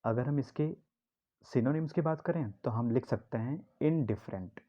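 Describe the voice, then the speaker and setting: An English teacher runs a classroom-style vocabulary lesson, asking himself questions and repeating key words to explain them. His voice is medium-pitched and mellow at a normal speed, captured with lo-fi sound.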